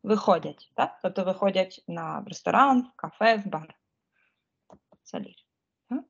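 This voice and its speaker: This Spanish teacher runs an online lesson in a chatty, informal manner, frequently checking that her students are keeping up and fretting about which buttons to press. Her medium-pitched voice is animated, fairly quick, gravelly and slightly rough, with the highs cut off.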